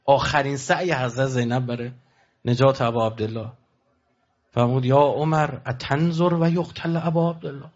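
A man with a steady, somewhat dark voice addresses pilgrims in a passionate sermon, and the audio comes across dull. Rhetorical questions pepper his speech as his pitch suddenly climbs and drops.

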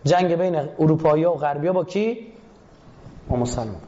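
Man, media critic, lecture, rhetorical questions to the audience, higher-pitched voice, muffled sound. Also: background noise. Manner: asks the audience questions and answers them himself. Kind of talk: lecture analysing a film clip.

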